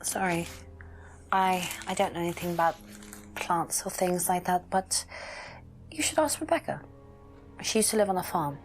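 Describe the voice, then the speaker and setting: A woman's voice: on the low side, moderate pace, long pauses, faint music behind, lightly acted. A woman playing an apologetic, helpful villager in a video game.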